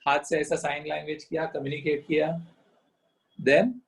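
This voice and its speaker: A middle-aged man lecturing, switching between languages, pausing often with fillers and checking in with "correct?". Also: fairly high pitch, flat delivery, creaky, rough recording. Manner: mixes languages, slow with many pauses and fillers. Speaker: teacher.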